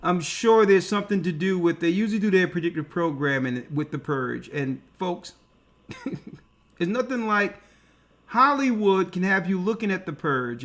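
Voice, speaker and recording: A man's voice: high voice, fairly bright tone. A man hosting a call-in show, talking casually and often repeating "all right" and "okay.". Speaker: host.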